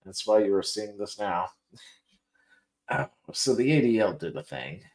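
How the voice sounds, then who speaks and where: A man's voice: fairly low pitch, big pitch swings, unhurried, darkish tone. A tired man hosting a casual gaming news livestream, joking, laughing often and restarting his sentences. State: tired, yawning. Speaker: podcast host.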